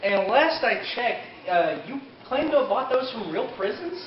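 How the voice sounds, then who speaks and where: Indoors in a convention panel room, a man with an extremely high, widely swinging voice speaks at normal speed, informally presenting a panel about an anime. He recounts the story's events to the audience as though he took part in them. A distant camera microphone captures roomy, dull sound along with the audience.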